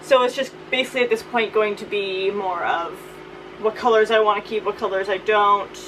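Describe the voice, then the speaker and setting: A woman vlogger with a mid-range voice talks fairly quickly in a casual, playful beauty declutter chat about her things, using informal, slangy language. A steady fan runs behind her voice.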